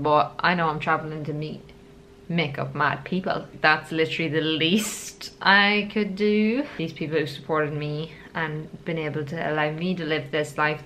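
A woman's voice: deep voice, a bit bright, a little hiss or hum. A young Irish woman and makeup artist, chatting upbeat to a handheld camera in a vlog, laughing often. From Ireland. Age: young adult. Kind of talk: casual vlog chat to camera.

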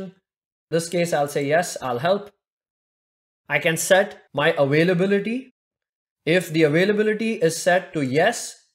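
Speaking into a desk mic at his computer, a young tech tutorial presenter narrates a screen-recorded software demo, explaining each click step by step at a steady, even pace. His voice is a little higher than most men's.

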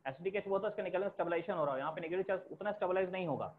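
A man's voice: high-pitched, very fast. A male chemistry teacher lecturing a class, explaining step by step and repeating key terms for students to write down. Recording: tinny phone-like lo-fi recording.

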